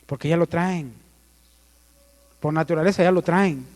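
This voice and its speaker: Mexican guy preaching, high voice, keeps asking the crowd stuff, big reverb. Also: measured pace, darkish tone. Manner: asks the congregation questions and calls for amens. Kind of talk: sermon.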